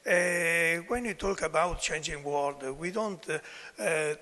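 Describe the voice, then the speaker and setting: An older man with a weak, low-volume voice gives an academic presentation in halting English. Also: bright, forceful tone. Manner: halting delivery in non-native English. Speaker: conference speaker, professor. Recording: hall reverb.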